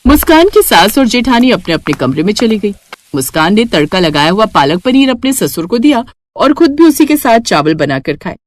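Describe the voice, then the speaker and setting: A woman giving scripted narration for a cartoon story, steady storytelling. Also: medium pitch, moderate pace, no room sound.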